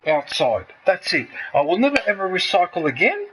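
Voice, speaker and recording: A man's voice: sits high, big pitch swings, moderate pace, noisy background. Furious swearing man in his fifties. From Australia. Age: 50s. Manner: heated, swearing, repetitive ranting. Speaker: streamer. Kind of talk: angry ranting chat.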